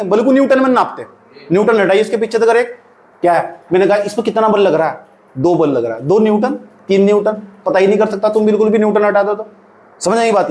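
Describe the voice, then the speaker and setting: A man with an Indian accent teaching a physics class, lively and teasing, often asking his students questions. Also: high-pitched, echoey room. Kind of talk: classroom lecture.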